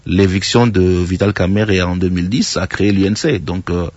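Guy doing political analysis, real low husky voice, careful and halting, dull dry sound. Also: fairly even intonation, a little mellow, no echo. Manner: measured, hesitant, repeats words. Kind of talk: political analysis in a radio interview.

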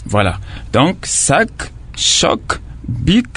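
Male teacher, unhurried and patient, breaks words into parts; middle pitch. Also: sing-song, a bit bright, breathy edge. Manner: patient, repeats and spells out syllables slowly. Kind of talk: classroom lesson explanation.

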